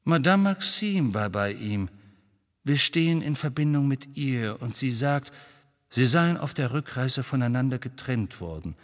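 A man reading an audiobook, voicing a restless grown man in hiding who reassures briskly with a bitter edge. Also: medium pitch, animated, big-room sound, voice pushed up, close to an everyday voice. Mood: tense, bitter.

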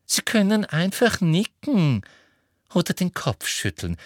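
A man's voice: sing-song, measured pace, no room sound, studio quality, heavily acted. A man voicing a simpering, cruel female official with a toad-like smile in an audiobook reading. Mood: sugary. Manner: sugary and shrill, turning furious.

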